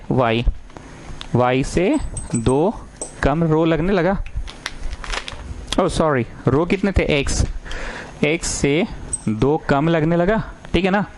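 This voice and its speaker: Male tutor, lively and coaxing, dictates slowly and repeats himself; faint room noise behind. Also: on the high side, rough recording. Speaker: maths tutor. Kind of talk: classroom maths lesson.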